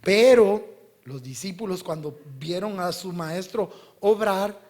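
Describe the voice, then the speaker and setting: High-voiced dramatic male preacher. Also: slow. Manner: dramatic, swinging from loud to hushed; talks directly to the listener. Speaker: pastor. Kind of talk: sermon.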